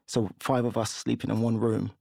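A man, a guest telling lively stories in a casual podcast interview and laughing often. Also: lowish voice, moderate pace, creaky, no echo, clean studio sound. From London, England. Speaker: guest, property investor.

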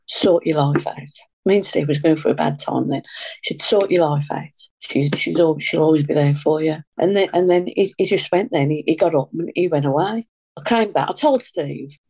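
A woman's voice: low-pitched, warm tone, slightly rough. An older woman, telling a story in a rambling way, often repeating herself and quoting others. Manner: rambling, repeats herself, lots of reported speech. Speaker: guest. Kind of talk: casual storytelling.

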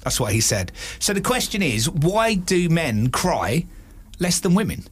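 A man with a fairly high, lively voice that swings up and down hosts a casual podcast chat. He talks in a reflective way and asks questions to steer the talk. The sound is dry and close, with no room around it. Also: a little slow, breathy edge, no room sound. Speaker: podcast host.

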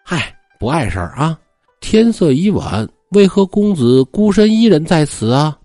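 A man voicing a playful, coaxing young forest maiden who may be a ghost, in a husky voice. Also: on the high side, very animated, unhurried, warm tone, no room sound, clean studio sound, soft background music, pitched above the performer's own voice. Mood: curious. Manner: playful, coaxing, mock-spooky.

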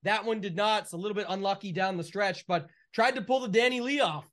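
A man's voice: sits high, quick pace, fairly bright tone. A man co-hosting a golf podcast, chatting casually about sport in loose, run-on, clipped phrases. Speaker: co-host of a golf betting podcast.

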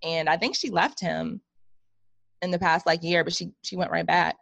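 A woman's voice: lowish voice, fairly even intonation, moderate pace, creaky, fairly bright tone, dry recording. Blunt, outspoken woman. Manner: blunt, opinionated, swears freely. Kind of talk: casual chat.

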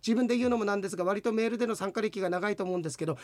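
A man co-hosting a radio show who reads listener mail and teases his partner with quick, animated banter. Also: sits high, no echo. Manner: fast, animated, teasing, breaks into laughing shouts.

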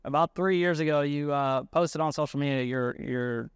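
A man's voice: on the high side, normal speed, clear, resonant tone, no echo, clean studio sound. A man, a race car builder and guest, speaking sincerely in casual conversation with many fillers. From United States.

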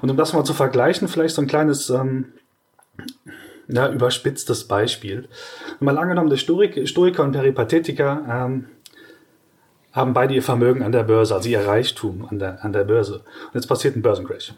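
A man at a middle pitch co-hosts a podcast discussion. He explains patiently, stumbling through restarts and then warming into lively, exaggerated examples. His delivery stays conversational rather than scripted. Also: moderate pace. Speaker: podcast co-host.

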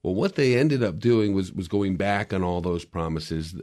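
A man's voice: deep voice, moderate pace, a little mellow. A man in a casual podcast discussion, explaining media history in a lecturing way with frequent restarts.

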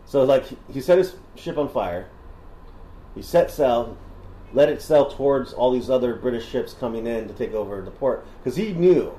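A man's voice: mid-range voice, normal speed, warm tone. A man co-hosting a casual history podcast, telling the story in a slangy, filler-heavy way. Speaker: podcast co-host. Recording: roomy room echo.

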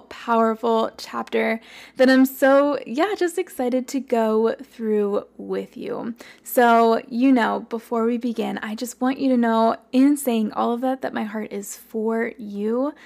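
A woman hosting a Bible study podcast, talking earnestly and encouragingly in a slightly hoarse, worn voice. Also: on the high side, darkish tone. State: slightly hoarse, worn voice from recording the day before. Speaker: podcast host.

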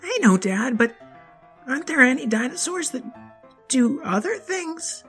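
A man voicing an eager, dreamy young boy dinosaur in a children's story, excitable and pleading with a sing-song delivery. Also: very high voice, measured pace, soft background music, pitched above the performer's own voice, full character voice. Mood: curious, pleading.

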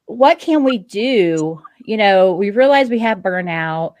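A woman's voice: medium pitch, expressive, slow pace, a little mellow, no echo, lo-fi sound. A woman in her fifties hosting a casual interview, chatty and frank, laughing often. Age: 50s. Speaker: podcast host.

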